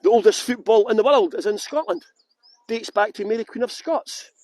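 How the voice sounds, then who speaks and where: Brief: male tour guide from Yorkshire, fairly high voice, chatty and joking, dry close sound, walking outdoors. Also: moderate pace, dry recording. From England (West Yorkshire). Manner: chatty, joking, lively asides. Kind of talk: live-streamed walking tour talk. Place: outdoors in large public gardens.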